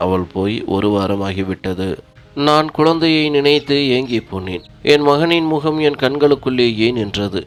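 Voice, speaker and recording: A man's voice: medium pitch, animated, moderate pace. A man narrating an emotional first-person family story in an earnest, heartfelt way.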